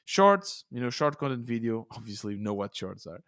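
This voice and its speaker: A man with a Portuguese accent hosting a solo podcast, talking in a chatty, excitable way with many restarts. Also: mid-range voice, fairly quick. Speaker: podcast host. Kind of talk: casual solo podcast monologue. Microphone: podcast studio mic.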